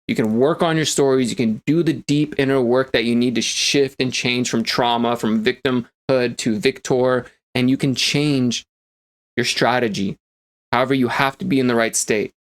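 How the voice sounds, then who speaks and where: With a mid-range voice, a man acting as a motivational coach rolls through a casual, energetic monologue. He is emphatic, uses many fillers, and now and then swears to drive a point home.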